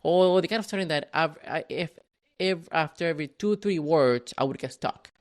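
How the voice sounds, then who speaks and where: Frequent restarts and repeated words mark this man's casual, reflective storytelling as a podcast guest. He is Venezuelan with Spanish as his first language, and his fairly high voice moves a little fast.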